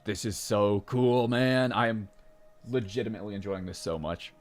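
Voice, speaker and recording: Over soft background music, a let's play gamer talks about his gameplay at normal speed in a casual, rambling manner. He uses lots of fillers, interrupts himself, and his pitch climbs when he's excited.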